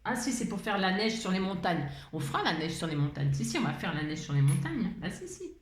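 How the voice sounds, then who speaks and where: A woman's voice: lowish voice, sing-song, fairly quick. A woman hosting a casual crafting tutorial. She rambles, often changes her mind mid-sentence, and chuckles a lot as she talks. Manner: chuckles often while talking. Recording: roomy echo, faint background noise.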